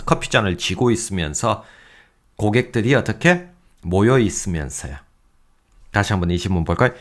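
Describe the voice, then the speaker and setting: A male English teacher records a vocabulary lecture, his fairly low voice rising and falling in wide swings. He reads English examples slowly and deliberately, then drops in self-mocking jokes. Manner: lively, self-mocking asides with chuckles.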